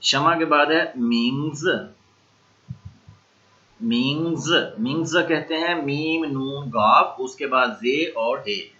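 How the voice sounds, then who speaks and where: A man's voice: medium pitch, slow, hardly any pauses, bright, forceful tone, lo-fi sound. A man teaching a recorded language lecture who says each new word several times and spells it out. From Pakistan.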